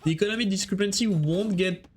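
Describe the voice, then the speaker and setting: On a live stream, a man with a French accent talks fast in a high voice while casting a strategy game, with faint music playing behind him. Between plays he chats with viewers and answers their comments.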